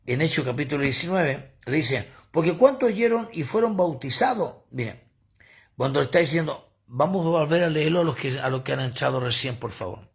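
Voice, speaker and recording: A man preaching a livestreamed sermon on his phone, animated and full of asides to the viewers. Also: medium pitch, fairly quick, creaky, breathy edge.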